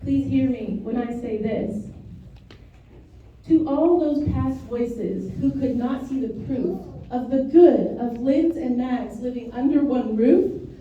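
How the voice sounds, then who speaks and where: Woman officiant reading a rhyming homily. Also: sits high. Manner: measured, rhythmic verse reading. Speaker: wedding officiant. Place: wedding venue. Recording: roomy, distant, dull lo-fi sound.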